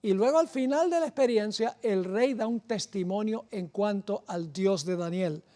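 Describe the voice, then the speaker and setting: A woman preaching a sermon, with deliberate phrasing and rising emphasis on key words. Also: mid-range voice, dark tone.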